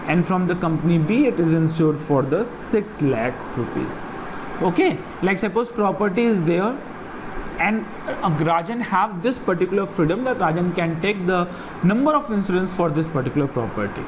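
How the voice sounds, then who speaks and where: A man's voice: sits high, background noise. A middle-aged man with a North Indian accent, a native Hindi speaker, gives an explanatory lesson, repeating phrases and putting questions to his students. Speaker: teacher.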